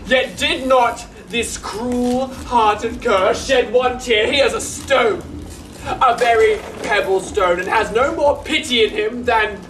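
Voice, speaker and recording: A man's voice: extremely high pitch, slow, a little hiss or hum. A man playing a weepy, melodramatic comic servant in a live Shakespeare comedy, fumbling lines and cracking up. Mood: mournful. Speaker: stage actor. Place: theatre performance space. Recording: distant echoey stage recording.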